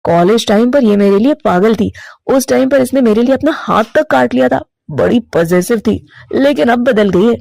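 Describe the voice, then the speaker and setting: A woman's voice: a little high, expressive, normal speed, vocal fry, dark tone, no echo, pitched below the performer's own voice. A woman voicing a young male cartoon crow who is a chatty, show-off husband. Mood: boastful.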